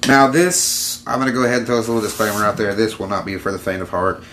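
A man's voice: lowish voice, fairly even intonation, quick pace, fairly bright tone, slight background noise. A man hosting a casual podcast, telling stories in a crude, laid-back way. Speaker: podcast host. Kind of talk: casual chat.

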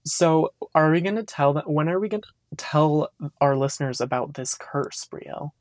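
A young woman with a strikingly low voice, chatting on a podcast. She is relaxed and playful and teases her co-host. The recording is close and dry. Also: normal speed, no room sound. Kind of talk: casual chat.

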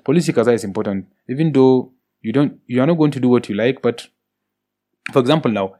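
A man's voice: mid-range voice, quick pace, warm tone. A man with a Nigerian Hausa accent in casual discussion, mixing English with Hausa and leaning on repeated filler phrases.

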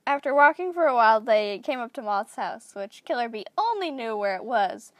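A woman's voice: on the high side, sing-song, moderate pace, no room sound. A woman narrating an improvised story in a hesitant way.

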